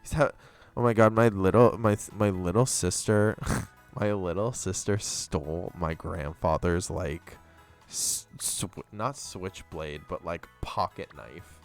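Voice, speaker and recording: Young man rambling slowly on stream. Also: deep voice, soft background music. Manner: rambling storyteller, swears freely. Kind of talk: casual chat while gaming.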